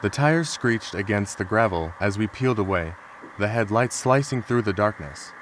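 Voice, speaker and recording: A man narrating true scary stories in a measured, calm storytelling manner. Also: on the low side, slight background noise. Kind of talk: scripted narration. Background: rain sounds.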